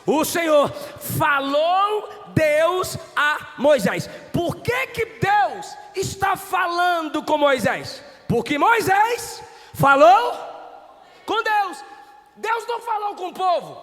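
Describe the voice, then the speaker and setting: High-pitched guy preaching loud in a church, big long echo off the hall. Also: big pitch swings, slow, soft background music. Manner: fervent, often shouting. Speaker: pastor. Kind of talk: pentecostal sermon. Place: church sanctuary.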